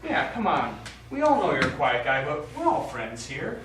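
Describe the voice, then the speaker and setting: A male stage actor plays a blunt space mission commander questioning his crewman, his slightly high voice very animated, frank, and challenging at a normal speed. The live play is recorded from audience distance in a small theater studio, so it sounds far off, heavily echoing, with faint noise.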